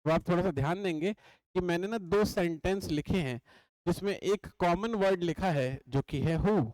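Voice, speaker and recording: High-voiced man teaching in a dry room. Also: normal speed, a little mellow, no room sound, poor audio. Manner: chatty, repeats points and checks understanding. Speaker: exam coaching teacher. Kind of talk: classroom lecture. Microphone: writes on a board while talking.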